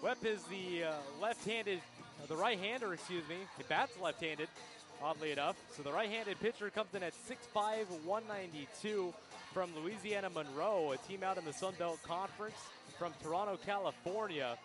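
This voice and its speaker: A man with a high-pitched voice calls a baseball game live as a radio play-by-play commentator. Music is clearly heard behind his commentary. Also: moderate pace. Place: ballpark broadcast booth.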